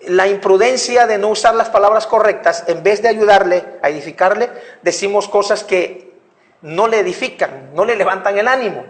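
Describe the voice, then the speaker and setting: A man preaching a sermon, emphatic, repeating his phrases and speaking directly to the congregation. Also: high-pitched. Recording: echoey hall.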